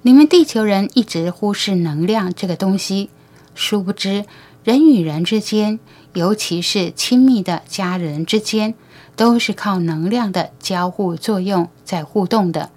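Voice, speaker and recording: A woman reading the lines of a calm male alien teacher in an audiobook, patient and knowing as he talks to human parents. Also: mid-range voice, unhurried, natural voice. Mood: gentle, instructive.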